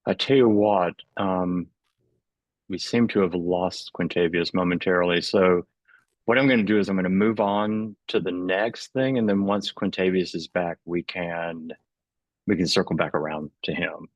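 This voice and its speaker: Low-voiced chatty man hosting a video call. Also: fairly even intonation, moderate pace, no echo, highs cut off. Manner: chatty, laughs often, many filler words like "like". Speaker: host and moderator of an artist talk. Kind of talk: casual presenting.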